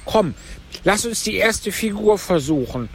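A man voicing a tearful, sentimental female mock turtle in a high, sing-song voice, reading outdoors on a park bench. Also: animated, unhurried, creaky, a little hiss or hum, exaggerated voice. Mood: eager.

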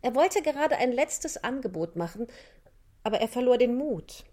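A woman reading a children's storybook aloud in an even, clear narrating voice. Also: fairly high pitch, normal speed. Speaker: audiobook narrator.

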